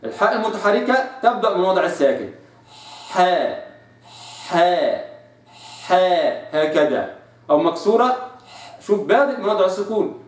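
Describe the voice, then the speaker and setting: A man with an Egyptian accent teaching Quran recitation, explaining and slowly demonstrating letter sounds. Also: high-pitched, big pitch swings. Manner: slow drawn-out sound demonstrations between explanations. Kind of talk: tajweed lesson with demonstrations. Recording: echoey room, voice a bit distant.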